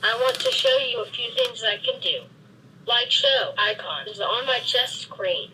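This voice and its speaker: A synthetic female voice playing a friendly, cheerful boy robot that talks to children in slow, simple, deliberate sentences. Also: a little high, expressive, pushed and bright, slight background noise, rough recording. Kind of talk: programmed robot speech for children. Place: meeting room, played from a robot.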